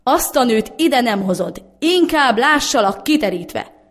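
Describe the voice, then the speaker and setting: A woman reading the lines of a stubborn old master baker who scolds his son gruffly and scornfully. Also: on the high side, very animated, voice pushed up. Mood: furious.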